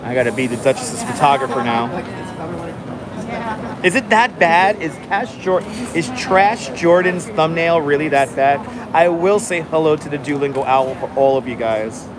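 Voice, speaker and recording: A man with a fairly high voice hosts a relaxed live stream on his phone while standing in line on a city street, speaking calmly and clearly to viewers at a moderate pace. The noisy outdoor stream carries crowd noise along with traffic and street sounds.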